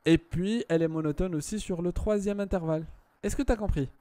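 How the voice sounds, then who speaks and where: Patient male math tutor, dark voice. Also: high-pitched, a little fast, no room sound. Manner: patient, repeats words and checks understanding.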